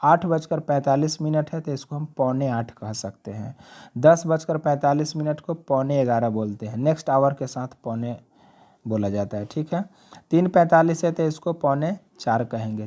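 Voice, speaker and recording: A man teaching a spoken English lesson as a voice-over on slides, explaining step by step, checking in often and slowing right down for each English example phrase. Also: fairly high pitch, mellow.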